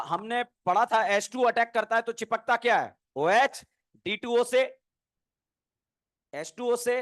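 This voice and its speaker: High-voiced chemistry teacher quizzing. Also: male voice. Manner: quizzing students, answering his own questions; joking, playful teasing. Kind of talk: classroom lecture.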